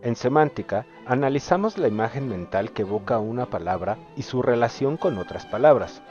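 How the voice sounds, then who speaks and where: A young man, a student presenter, reading a scripted lesson narration in a measured, explanatory way. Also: mid-range voice, lively intonation, darkish tone, faint music behind. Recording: dull lo-fi voice-over.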